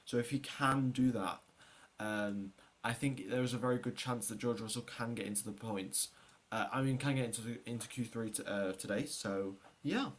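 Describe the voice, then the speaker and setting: A livestream host chats casually with his viewers while previewing a race in a rambling way, repeating words and often trailing off. His voice is medium-pitched and he talks at a normal speed.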